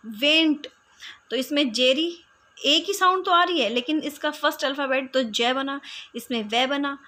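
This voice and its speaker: A woman teacher with a high, bright voice explains figures of speech at an unhurried pace. She speaks with an Indian English accent, checks in with her students often, and draws out the example lines slowly and clearly. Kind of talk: classroom explanation.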